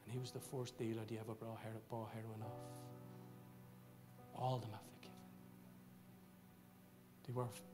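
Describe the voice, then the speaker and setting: A middle-aged man with a Dublin accent, a pastor telling a story in a sermon, swinging between loud excitement and low, hushed confiding. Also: normal speed, long pauses, music in the background. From Dublin, Ireland. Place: church service.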